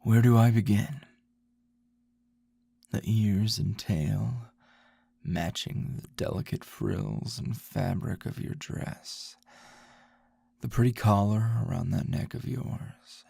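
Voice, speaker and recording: Heavily acted and mellow, this ASMR roleplay features a man as a grumpy middle-aged teacher who is also a possessive, teasing lover. His slow drawl comes out as a low, gravelly, husky murmur, and the mood is fond and teasing.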